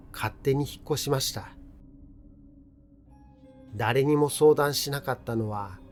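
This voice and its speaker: Slow-paced man narrating a ghost story. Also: mid-range voice. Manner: measured, deliberate, pausing between short phrases. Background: music.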